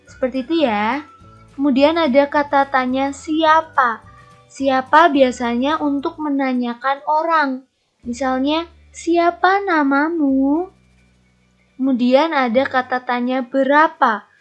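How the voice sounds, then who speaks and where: A woman's voice: high-pitched, steady tone, unhurried. A woman primary school teacher giving an online lesson to young children, encouraging them and asking them to pay attention. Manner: encouraging, addresses children directly, tag "ya". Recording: lo-fi recording with faint music.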